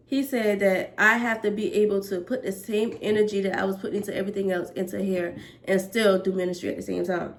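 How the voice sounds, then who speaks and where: Woman in her twenties, earnest, preachy, faith talk, mid-pitched voice. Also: fairly bright tone. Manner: earnest, preachy, speaks in repeated lists. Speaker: hair braider and vlogger. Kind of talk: casual faith-based monologue to camera.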